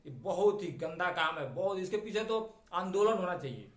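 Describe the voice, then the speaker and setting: A middle-aged man teaching an English vocabulary lesson in a chatty, digressive way, stretching out key words slowly. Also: high voice, lively intonation. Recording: echoey room.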